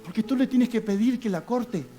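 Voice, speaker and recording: A male pastor giving an impassioned sermon, rising to loud cries and dropping to hushed pleading. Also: extremely high pitch, normal speed, faint music behind.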